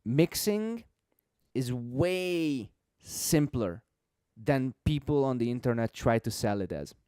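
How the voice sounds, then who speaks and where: Man calmly explaining, clean dry voice. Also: mid-range voice, slow, clean tone, no room sound. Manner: explanatory, repeats words for emphasis. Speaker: host explaining music mixing. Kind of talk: casual live-stream chat.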